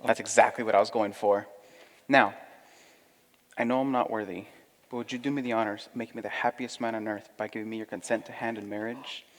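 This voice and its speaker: A man's voice: fairly low pitch, fairly even intonation, a little fast, in a large hall, lightly acted. A man playing Roger Goodman, a vain, pompous suitor. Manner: pompous, self-satisfied, theatrical. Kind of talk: comic audio drama acting.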